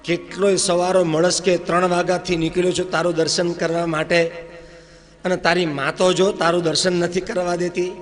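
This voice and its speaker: A man's voice: high voice, level tone, moderate pace, big-room sound, soft background music, natural voice. A man voicing the god Mahadev, coaxing and complaining to the infant Krishna during a religious storytelling. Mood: pleading. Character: male god Mahadev, pleading and playful.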